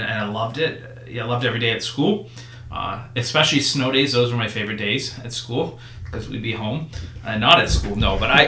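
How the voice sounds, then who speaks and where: Bright-voiced priest in a roomy space. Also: male voice, medium pitch. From northeastern Vermont. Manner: earnest, reflective, with frequent restarts and repeated words. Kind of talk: casual conversational storytelling. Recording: roomy echo.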